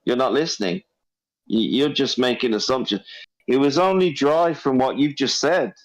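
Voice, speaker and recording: A man's voice: mid-range voice, moderate pace, no room sound, poor audio. A man, arguing insistently in a casual boxing chat and ending lines with "bro". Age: 50s. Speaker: podcast caller.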